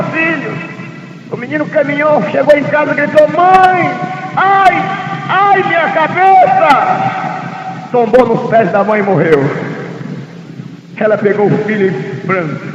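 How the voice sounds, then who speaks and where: A man preaching a sermon as pastor, telling stories with dramatic shouted peaks. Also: very high-pitched. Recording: echoey hall, lo-fi 1990s recording, noisy.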